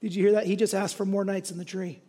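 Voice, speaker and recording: A man with a high, light voice preaches a sermon in church. His delivery is conversational, and he often asks his listeners a quick question to check they are following. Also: level tone, mellow. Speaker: pastor.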